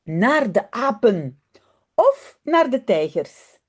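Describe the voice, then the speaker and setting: A woman's voice: fairly high pitch, very animated, takes it slowly, breathy edge, exaggerated voice. A woman voicing a friendly, reassuring aunt in a read-aloud storybook. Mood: cheerful. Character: kind cheerful aunt.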